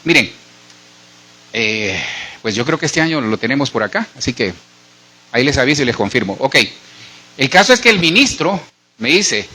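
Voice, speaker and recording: A man's voice: medium pitch, big pitch swings, normal speed, pauses often, bright, forceful tone. A middle-aged man with a Colombian accent, preaching a sermon as pastor and speaking straight to his congregation in a conversational way. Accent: Colombian Spanish. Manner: conversational preaching, addresses listeners directly.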